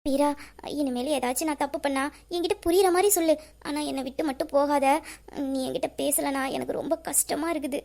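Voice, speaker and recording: A woman's voice: high voice, fast, darkish tone. A woman voicing a remorseful young woman in an audio drama who pleads through tears and confesses a secret plan for revenge. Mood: pleading. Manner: sobbing, pleading, guilt-ridden. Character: tearful young woman hiding a revenge scheme. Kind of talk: emotional audio drama acting.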